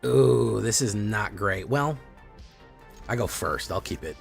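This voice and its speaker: On a live stream with faint background music, a man from Chile casually chats with his viewers while playing a card game, relaxed and reacting to chat and to plays. He talks slowly in a fairly low, gravelly voice.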